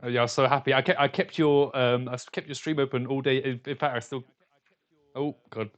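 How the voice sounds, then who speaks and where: A man's voice: mid-range voice, steady tone, brisk, highs cut off. An English man from London in his thirties, a game developer chatting casually with viewers on a live stream, rambling with stammered restarts and frequent laughs. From London, England.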